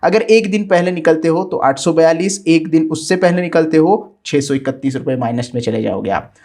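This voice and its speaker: A man with an Indian accent speaks in a somewhat high voice. He talks through a tutorial patiently and methodically, pausing on filler sounds as he explains. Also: mellow. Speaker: finance educator. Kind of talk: screen-share tutorial explanation.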